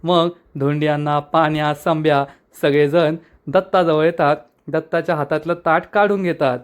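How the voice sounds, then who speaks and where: A man recapping a TV serial episode as a story, lively and reading out the characters' lines himself. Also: a little high, normal speed, smooth. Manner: lively, reads dialogue aloud.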